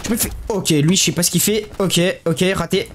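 A man giving casual gameplay commentary, excitable and slangy, often yelling at the game. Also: high voice, brisk, a little hiss or hum. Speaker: gaming YouTuber.

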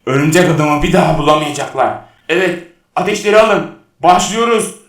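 A woman's voice: deep voice, animated, fairly quick, voice pushed down. A woman voicing a male alien boss barking orders in a toy play-acting video. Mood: commanding. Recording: echoey, from far off.

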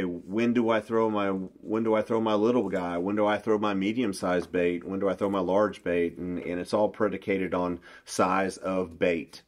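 In a folksy, casual interview recorded at a table in a small room, a middle-aged bass fishing pro describes his baits, frequently starting his sentences over.

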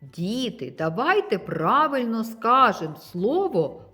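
A woman teaches young children a phonics lesson, drawing out each syllable and stressing it clearly. Her voice sits a little high and swoops up and down as she explains. She speaks very slowly, and soft music plays faintly underneath. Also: big pitch swings.

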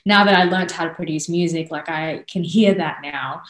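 With a deep voice at a moderate pace, an Australian woman in her thirties chats casually as a guest singer-songwriter on a video call. Her headset audio from a small indoor room sounds roomy, and she's animated, often laughing and starting over.

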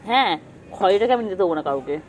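A woman's voice: medium pitch, expressive, fast. A woman filming cats on an empty street at night, chatting casually and coaxing them with affectionate, repetitive baby talk.

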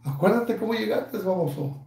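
A Mexican man in his fifties rants and taunts, swearing at every turn. His voice runs high yet mellow. The room around him rings with echo. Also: animated, normal speed, gravelly, slight background noise. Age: 50s. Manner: angry, profane, taunting. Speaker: YouTuber. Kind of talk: ranting vlog.

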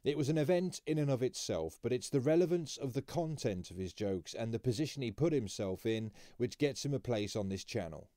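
A man reads scripted commentary in a measured, explanatory way. His voice is mellow and dark. The recording is dry and close, with no room around it. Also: mid-range voice, animated, no room sound. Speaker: commentary channel host.

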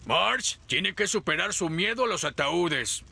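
A dim, blundering middle-aged cartoon dad with a Latin American Spanish accent. The voice is heavily gravelled, sharp and lively, blurting simple-mindedly. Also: male voice, high-pitched, a little slow, a little hiss or hum, full character voice. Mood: oblivious.

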